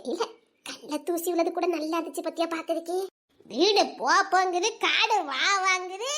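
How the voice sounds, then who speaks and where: A young woman playing a high-voiced teasing village girl. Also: moderate pace, fairly bright tone. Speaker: village woman in a web drama. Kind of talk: dialect village drama acting.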